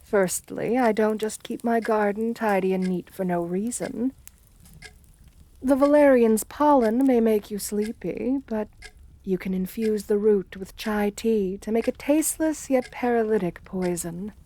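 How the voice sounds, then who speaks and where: Here the countess, an aristocrat played by a woman for ASMR, is assertive, seductive and menacing, speaking in a soft voice laced with condescending, coaxing endearments. Delivery is medium in pitch, measured in pace and lightly acted, carrying calm menace.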